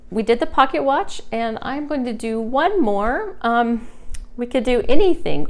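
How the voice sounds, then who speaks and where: Clear, smooth-voiced woman teaching informally. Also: mid-range voice. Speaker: hypnosis instructor. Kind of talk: informal demonstration lesson.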